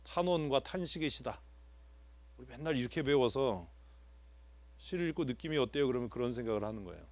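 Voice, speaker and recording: A male pastor with a mid-range, slightly dark voice teaches a Bible passage in a church sanctuary, speaking animatedly and a little fast with long pauses. He asks his congregation how they feel about the text and repeats their answers back. The recording is dry.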